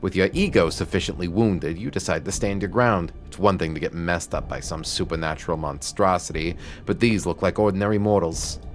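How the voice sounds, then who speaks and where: A man streaming, reading a visual novel's narration aloud in a steady voice with occasional stumbles. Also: low-pitched, a little fast, few pauses, faint music behind. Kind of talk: reading game text aloud.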